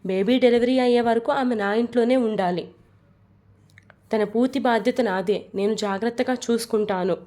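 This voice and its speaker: A woman's voice: fairly high pitch, normal speed, dark tone, close to an everyday voice. A woman voicing a stubborn, hot-tempered young husband who firmly insists on his demands in a storybook reading. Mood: insistent. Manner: insistent, firm.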